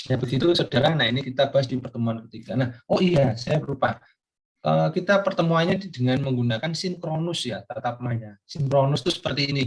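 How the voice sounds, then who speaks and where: Older man, lecturer recording a class, mid-pitched, rambling with fillers. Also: husky. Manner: rambling, many fillers and questions to students.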